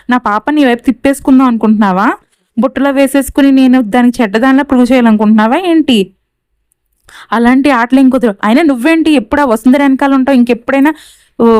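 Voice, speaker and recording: A woman voicing a young mother who fires sharp, accusing questions. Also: high-pitched, clean tone, dry recording, natural voice.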